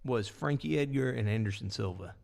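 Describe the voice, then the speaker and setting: A man's voice: medium pitch, fairly quick, gravelly, darkish tone, big-room sound. A man of thirty-five co-hosting a casual podcast, laid-back and rambling, often trailing off and restarting. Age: 30s. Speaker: podcast co-host. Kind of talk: casual chat.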